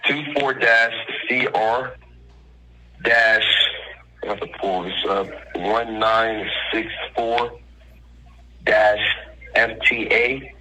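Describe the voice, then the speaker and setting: Over a telephone line with faint noise, a man posing as an official speaks formally and insistently in legal language, calling the listener ma'am. His lowish voice is sharp and fairly even, very slow, with frequent pauses.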